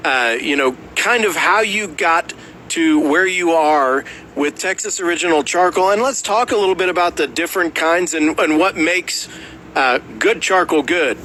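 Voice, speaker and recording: A man's voice: fairly high pitch, normal speed, sharp tone, slight background noise. A man hosting a radio show in a conversational interview style.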